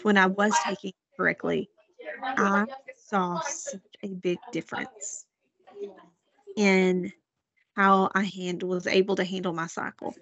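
A woman co-hosting a podcast, chatting casually and telling animated stories. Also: mid-range voice, gravelly. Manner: animated storytelling, acts out quoted voices. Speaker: podcast co-host. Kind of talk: casual chat. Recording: dull lo-fi sound.

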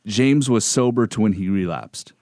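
A man's voice: fairly low pitch, animated, normal speed, warm tone, no room sound, studio quality. A man from Wisconsin hosting a podcast, chatting in a laid-back way and swearing casually. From Wisconsin, American Midwest.

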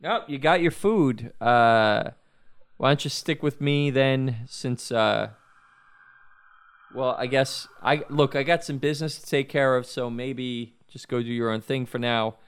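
A man's voice: medium pitch, unhurried, clean tone, lightly acted. A man voicing an easygoing male street fixer in a tabletop game, hedging and ingratiating.

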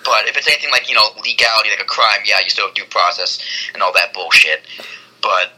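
A man's voice: lowish voice, fairly even intonation, quick pace, rough recording. A man co-hosting a casual podcast, swearing freely and laughing as he talks. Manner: profane, loud and laughing. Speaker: podcast co-host.

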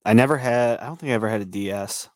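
Quiet podcast co-host, young man, low-pitched, short low-key comments, dry sound. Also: fast talker, no room sound. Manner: brief, low-key remarks. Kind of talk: casual chat.

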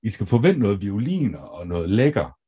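A Danish man co-hosting a casual podcast, upbeat and quick to egg on his co-host. His voice is low and a bit husky, and his pitch swings widely as he talks. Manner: upbeat, lively, laughs easily, eggs on his co-host.

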